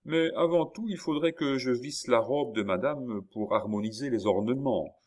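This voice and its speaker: A man's voice: medium pitch, moderate pace, a little mellow, voice pushed up, close to an everyday voice. A man voicing a confident young hairdresser who speaks politely and with assurance.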